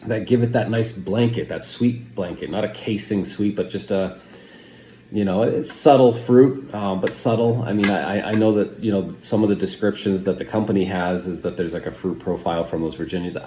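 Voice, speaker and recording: A man's voice: fairly low pitch, moderate pace, dark tone. An American man giving a casual product review, rambling and hesitant as he circles back to qualify his points. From United States. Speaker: pipe tobacco reviewer. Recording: roomy echo, faint background noise.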